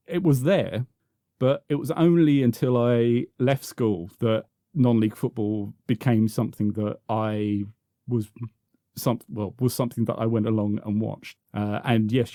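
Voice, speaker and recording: Man, 50s, podcast guest, rambling with restarts, mellow tone, dry close sound. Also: mid-range voice, no room sound. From South London, England. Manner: rambling, many restarts and repeated words. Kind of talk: reminiscing conversational interview.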